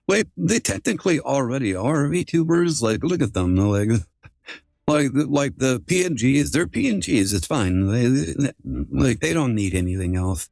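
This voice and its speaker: A man's voice: medium pitch, vocal fry, a little mellow, no room sound, clean studio sound. Man talking through a voice changer. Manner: rambling, filler-heavy, restarting sentences. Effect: voice changer altering his voice. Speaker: streamer. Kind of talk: casual live-stream chat.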